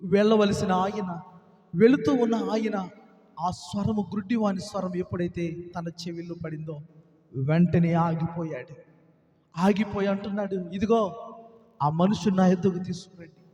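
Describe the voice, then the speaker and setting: A man's voice: sits high, fairly even intonation, normal speed, pauses often, warm tone. A male Telugu preacher giving an impassioned sermon, calling out to his listeners and acting out the voices of the story. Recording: echoey hall.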